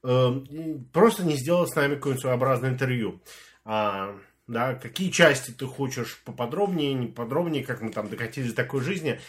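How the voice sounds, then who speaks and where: A man's voice: mid-range voice, fairly quick. Guy cohosting a podcast, stumbles over words a lot, loose and chatty. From immigrant to Canada. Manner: hesitant, stammering restarts, swears casually. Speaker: podcast co-host. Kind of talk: casual chat.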